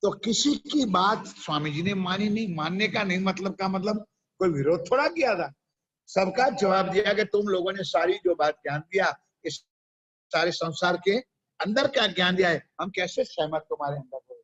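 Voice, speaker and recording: Telling a parable from the pulpit, a preacher keeps breaking off to question his audience. He has a high, animated voice at a moderate pace, slightly bright, with the highs cut off in the recording.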